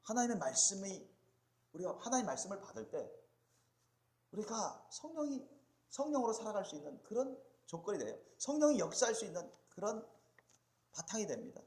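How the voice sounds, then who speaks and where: Male pastor, high and very animated delivery, call-and-response sermon, roomy church acoustics. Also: fairly quick. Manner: preaching with call-and-response questions to the congregation; swings between loud emphatic peaks and quiet low asides. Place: church sanctuary. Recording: echoey church sanctuary.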